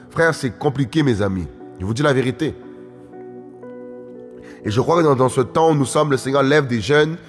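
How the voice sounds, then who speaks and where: A man preaching a sermon emphatically, repeating phrases and calling out to his listeners. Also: medium pitch. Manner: emphatic, repetitive, often calls out to listeners. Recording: faint music, long hall reverb.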